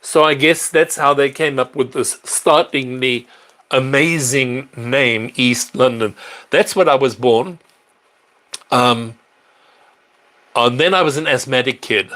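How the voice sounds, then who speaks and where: A man's voice: mid-range voice, slow pace, pushed and bright. A middle-aged man hosting a live stream, chatting casually and answering viewer questions, rambling with fillers and restarts. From South Africa. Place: apartment in a large city.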